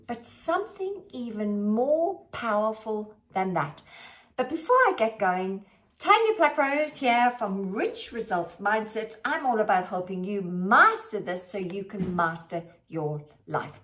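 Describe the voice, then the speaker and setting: A woman money mindset coach giving a motivational talk to camera, with slow, emphatic, drawn-out phrasing. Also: fairly high pitch, fairly bright tone. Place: filming herself on camera.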